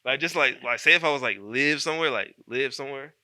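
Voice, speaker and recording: Soft-spoken young college athlete. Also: male voice, mid-range voice, fast talker, no echo. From Columbus, Ohio. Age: 20s. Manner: soft-spoken, easygoing, filler-heavy. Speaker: college football player guest. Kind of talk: casual interview chat.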